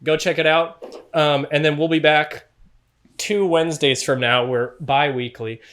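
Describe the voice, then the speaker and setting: A man's voice: on the high side, steady tone, measured pace, fairly bright tone. A man hosting a podcast in casual chat, laughing often and swearing freely. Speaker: podcast host.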